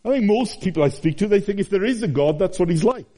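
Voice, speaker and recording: Male preacher, middle-aged, slightly high voice, animated emphatic sermon delivery. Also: fast. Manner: animated, voice rising and falling with emphasis.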